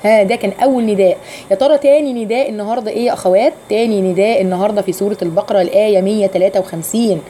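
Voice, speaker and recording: A woman with an Egyptian Arabic accent teaching Quran recitation rules to women, explaining each rule, reciting verses slowly and drawn out, and putting questions to her listeners. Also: mid-range voice, dark tone, slight background noise. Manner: asks the listeners questions directly. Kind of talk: tajweed lesson for women.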